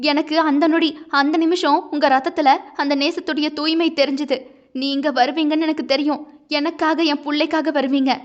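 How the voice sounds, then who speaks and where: A woman's voice: high-pitched, muffled recording, lightly acted. A woman doing a heartbroken proud young wife. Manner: impassioned, pleading, tearful.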